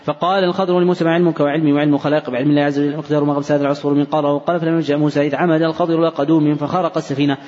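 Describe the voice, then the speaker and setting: A hadith reader, a man with a fairly high voice, recites hadith text rapidly in a large mosque hall. His reading is fast, even, and unbroken apart from brief slips, and the recording sounds dull in the reverberant space.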